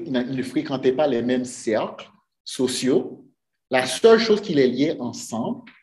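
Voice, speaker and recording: An earnest man delivers a sermon in a church, and his voice rings around a roomy, echoing space. He speaks at a middle pitch and keeps turning to the congregation with rhetorical questions. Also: darkish tone. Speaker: preacher. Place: church sanctuary. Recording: echoey church room.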